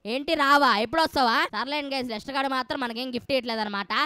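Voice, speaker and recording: A woman giving excitable, playful gameplay commentary straight to her viewers. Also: high voice, racing, smooth, no echo. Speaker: gameplay streamer.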